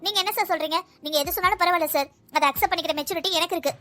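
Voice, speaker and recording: A high, bright cartoon voice for a woman playing a sharp-tongued policewoman who argues fast and hard. The words tumble out with a tense, cutting edge. Soft music sits underneath. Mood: arguing. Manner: argumentative, indignant. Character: sharp-tongued young policewoman, later an angry mother-in-law. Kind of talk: cartoon dubbing.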